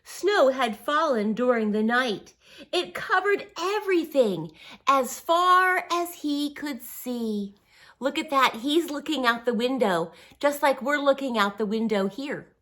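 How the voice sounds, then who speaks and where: A woman reads a picture book aloud to young children, her voice sitting high and unhurried. She keeps the phrasing simple and encouraging, adding expressive emphasis along with little asides and questions.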